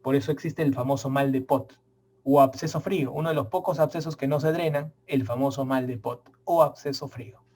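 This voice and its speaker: A man's voice: mid-range voice, fairly even intonation, brisk, warm tone. A middle-aged man, giving a medical exam prep lecture. He stresses and repeats the key points and speaks straight to his students.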